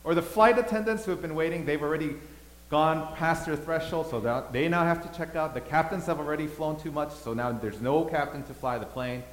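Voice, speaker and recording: A man who grew up in Thailand, preaching a sermon as pastor, swinging between loud emphasis and quiet asides. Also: a little high, brisk. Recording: echoey hall, faint hum.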